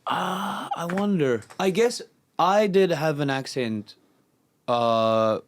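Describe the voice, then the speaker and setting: Joking South African podcast host. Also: male voice, a little high, takes it slowly, a little hiss or hum. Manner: joking, laughs often, storytelling. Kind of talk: casual podcast chat.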